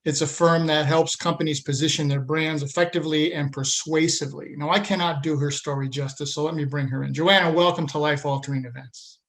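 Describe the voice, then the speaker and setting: A man hosts a podcast with an earnest, emphatic delivery. His voice sits a little high for a man. He moves from a scripted opening into a relaxed interview. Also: fairly quick, hardly any pauses. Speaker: podcast host. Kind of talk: scripted intro then interview.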